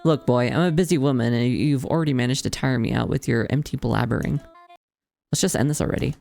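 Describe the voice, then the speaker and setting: A woman's voice: a bass voice, brisk, creaky, a little mellow, faint music behind. Woman putting on a gloating, haughty cartoon villainess. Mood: menacing, haughty. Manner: mustache-twirling villain, condescending, gloating.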